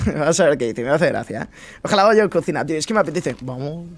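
Lively young gamer, swearing. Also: male voice, a little high, fast, slight background noise. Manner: swearing, slangy, talks to viewers as chavales. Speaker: gaming streamer. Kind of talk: casual gameplay commentary.

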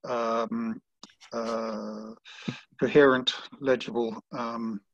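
A man's voice: mid-range voice, little pitch movement, fairly bright tone, no room sound. Man, sailing judge, thinks aloud with restarts; lo-fi call audio. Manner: halting, many restarts and fillers. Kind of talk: online panel discussion. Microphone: video call. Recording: dull lo-fi video call audio.

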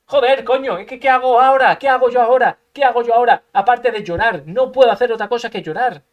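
In a muffled recording, a man with a very high-pitched voice talks fast while commentating his own card game match. He swears heavily, talks to himself, makes sound effects and erupts into frustrated outbursts.

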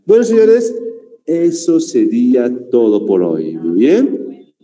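A man with a Bolivian Spanish accent leads a grammar lesson at an unhurried pace, his dark voice rising and falling a lot. He keeps asking his students little questions as he explains each point. Long reverb hangs behind him. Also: medium pitch, huge pitch swings. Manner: slow explaining teacher, asks rhetorical questions ending in ¿no?. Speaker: teacher. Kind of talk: online class lesson.

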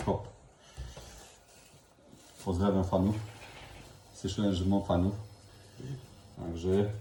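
A man with a Silesian accent, chatting in a folksy way as he gives a casual step-by-step cooking demonstration. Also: lowish voice. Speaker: home cook hosting a cooking video. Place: indoor kitchen. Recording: echoey room with loud kitchen noise. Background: clattering dishes, cutlery and pans.

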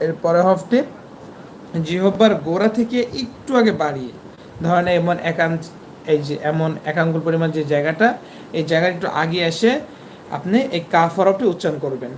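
Slight background noise accompanies a mid-range voice teaching Quran online over a video call. The teacher patiently explains each letter's point of pronunciation and says the sounds again slowly.

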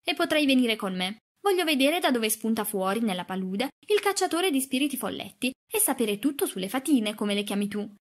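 A woman reading an audiobook, voicing a spoiled, imperious young girl who talks high and insistent. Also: expressive, normal speed.

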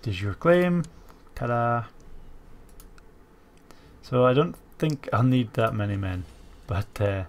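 Very animated yet slow, with long pauses, this man has a darkish mid-range voice and a stuffy cold. Hosting strategy game commentary for his gaming channel, he thinks aloud while playing, filling gaps with fillers as a keyboard clacks in the background.

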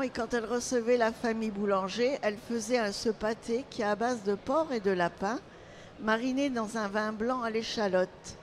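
An older woman from Lorraine speaks into a handheld mic about her bakery's recipes, with a slightly high voice and evident pride. She tells her stories warmly and in detail. A faint hum of the fair hangs behind her. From Lorraine, France. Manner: proud, storytelling about family recipes. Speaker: baker and caterer, retired owner. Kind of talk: casual interview at a trade fair. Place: trade fair stage, indoors.

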